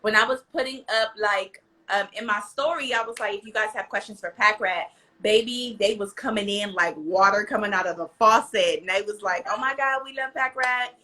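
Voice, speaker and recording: A woman's voice: medium pitch, moderate pace, sharp tone. An American woman hosting a casual live interview with slangy, effusive hype. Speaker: host.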